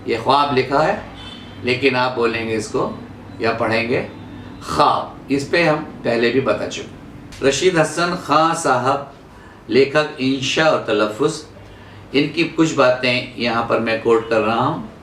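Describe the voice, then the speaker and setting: Man from india teaching word sounds real slow, echoey room, faint music under it. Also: medium pitch, a bit bright, slight background noise. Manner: spells out words slowly, repeating them for emphasis. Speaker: Urdu pronunciation teacher. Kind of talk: slow explanatory lesson.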